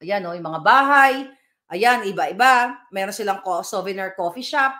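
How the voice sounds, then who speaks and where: A woman's voice: mid-range voice, lively intonation, moderate pace, sharp tone. A woman giving emphatic live vlog commentary, speaking directly to her viewers and reading their comments aloud. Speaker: political vlogger.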